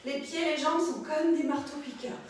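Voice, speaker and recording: Lady running a pilates class, quick cues and jokes, bouncy echoey studio, a bit far from the mic. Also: high-pitched, fairly even intonation, a little hiss or hum. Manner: brisk cueing with playful asides. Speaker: pilates instructor. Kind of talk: live class instruction.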